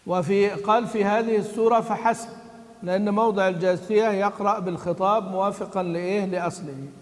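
A man teaching Quran recitation in a lesson. He quizzes his students and then answers himself, and he chants the quoted verses slowly. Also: high-pitched, fairly even intonation. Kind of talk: classroom lesson. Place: study hall of a mosque. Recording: long hall reverb.

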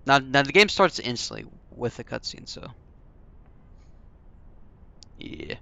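A man's voice: medium pitch, animated, normal speed, creaky, pushed and bright, no echo. A young adult man giving casual, offhand let's play commentary into a headset mic. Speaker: gaming YouTuber. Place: indoors, seated at a gaming setup. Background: faint game music.

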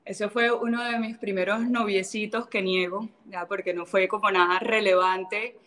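This Cartagena woman, with her Colombian Caribbean coast accent, talks at a moderate pace in a fairly bright, medium-pitched voice with fairly even intonation. As a guest in a relaxed interview, she's blunt and sassy, often slipping into brief imitations of other people.

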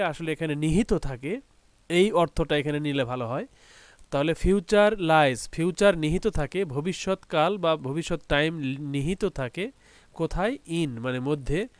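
A man's voice: on the high side, clear, resonant tone, no echo. Man teaching step by step. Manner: explains step by step, spells words out by letters and syllables. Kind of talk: online school lesson.

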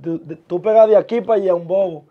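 Young man, high voice, casual slang, muffled studio sound. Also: quick pace. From born in the US, of Dominican parents. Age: young adult. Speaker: guest, musician and TikToker. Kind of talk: casual interview talk. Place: small indoor studio with sofa chairs.

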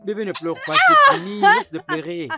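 Male dub actor as a frantic young husband, pleading, very lively pitch. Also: creaky, heavily acted. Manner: pleading, repeats soothing words fast. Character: frantic young husband soothing his sobbing wife. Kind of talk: dubbed film acting.

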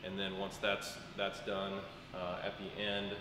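A man in his thirties explaining construction work at a steady pace with many fillers, recorded in a bare, empty classroom. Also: low-pitched, a little slow. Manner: explanatory, steady, frequent fillers, gestures while talking. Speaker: school administrator. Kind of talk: on-site walkthrough explanation. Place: large empty classroom under construction, indoors. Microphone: camera mic from a distance. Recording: echoey bare room, mic far off, background noise.

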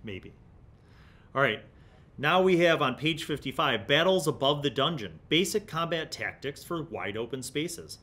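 Speaking on the high side, expressively and a little slowly, a middle-aged man's voice sounds pushed and bright. As host of a tabletop gaming review series, he muses in stop-and-start phrases and reads excerpts aloud during a casual review. He uses a desk mic in a small indoor studio room.

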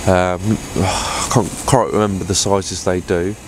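A man's voice: deep voice, flat delivery, unhurried, background noise. A man, chatting casually to camera in a fishing vlog, rambling with fillers and restarts, recorded on a lapel mic inside a tent. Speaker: fishing vlogger. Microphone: clip-on lapel mic.

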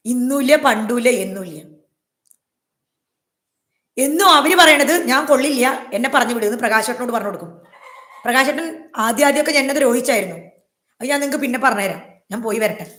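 Fast, emphatic woman vlogger in an echoey room. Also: a little high, a bit bright. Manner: emphatic, repetitive, aggrieved. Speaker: YouTuber. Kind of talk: personal vlog monologue to viewers.

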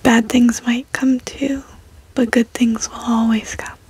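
A young adult woman gives a reassuring ASMR pep talk in a soft, breathy whisper, close to a desk microphone in a bedroom. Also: on the high side, level tone. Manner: slow, reassuring, gentle encouragement. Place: bedroom, indoors.

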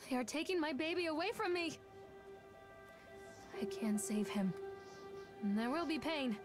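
A woman voicing a troubled mother who fears for her son, speaking in a hushed, urgent way. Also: sits high, animated, a little slow, music in the background. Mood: brooding. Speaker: game character. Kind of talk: game voice acting.

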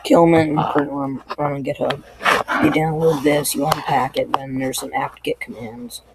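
A sick, hoarse tech tutorial host talking through a screen recording in a halting, apologetic way. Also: medium pitch, flat delivery, background noise. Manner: halting, apologetic, loses train of thought.

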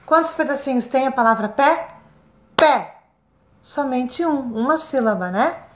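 A Brazilian woman with a slightly high voice records a lesson for first-grade pupils. She talks slowly and kindly, stretching syllables out and checking in with the children often. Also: expressive. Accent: Brazilian Portuguese. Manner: slow, sing-song, stretches syllables for children.

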